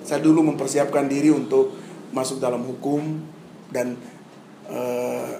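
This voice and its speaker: A man from Papua telling a personal testimony story to an audience, dramatic, acting out scenes and swinging between loud bursts and hushed asides. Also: mid-range voice, flat delivery, measured pace, creaky, echoey room, noisy background. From Papua, Indonesia. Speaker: speaker giving a personal testimony.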